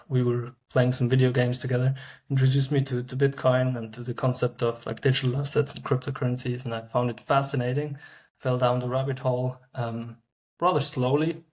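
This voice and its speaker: A man in his thirties, a company founder answering interview questions in a casual, halting way with many fillers and restarts. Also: medium pitch, a little mellow. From Switzerland. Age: 30s. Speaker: startup founder guest.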